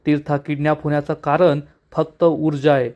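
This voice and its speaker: A man's voice: a little high, flat delivery, normal speed, a little mellow, lightly acted. A man reading the lines of a domineering mother-in-law who snaps and blames others. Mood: sharp. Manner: harsh, snapping. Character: sharp-tongued domineering middle-aged mother-in-law.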